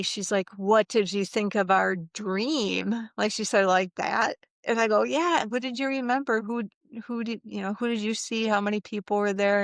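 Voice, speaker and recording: A middle-aged woman with a gravelly, fry-touched voice tells a personal story in a relaxed interview. She is animated, breaking into the voices of the people she quotes. The recording is close and dry. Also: medium pitch, no room sound. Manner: animated, acts out quoted voices, laughs often. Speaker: interview guest.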